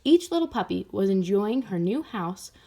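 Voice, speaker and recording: Reading a storybook to children, this woman addresses them directly in an animated way. Her mid-range voice swings widely in pitch, has a dark tone with a breathy edge, and moves at a moderate pace.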